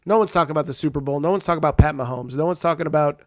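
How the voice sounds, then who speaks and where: Male show host, a bit high, excitable, dry sound. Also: very fast, no room sound. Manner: excitable, reads viewer comments. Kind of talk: casual wrestling chat.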